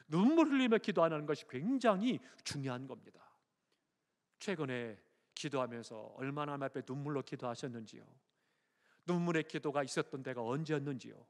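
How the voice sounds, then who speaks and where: A male pastor preaching a sermon, surging to loud high emphasis and dropping to soft, low passages. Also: long reverb tail. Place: church sanctuary.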